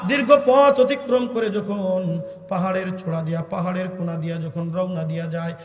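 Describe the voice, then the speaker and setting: A man's voice: a little high, little pitch movement, normal speed, a little mellow, dull audio, faint music behind. A man preaching a chanted sermon, calling out to the crowd in a sing-song way. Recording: echoey hall, from far off.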